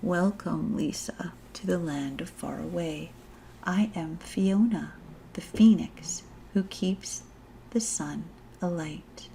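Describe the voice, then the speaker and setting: A woman voicing a giant female phoenix in a children's storybook, gentle, wise and welcoming, speaking low, breathy and slow. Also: slight background noise, poor audio.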